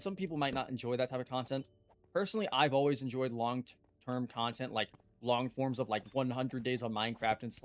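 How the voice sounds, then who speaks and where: A young man giving rambling, earnest casual commentary while he plays a game, full of fillers and restarts, with faint music behind him. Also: medium pitch. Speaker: gaming YouTuber.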